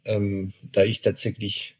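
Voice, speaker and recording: Slow, hesitant man from Argentina. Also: on the low side, completely flat delivery. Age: 40s. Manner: hesitant, searching for words. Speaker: podcast guest, father. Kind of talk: casual chat.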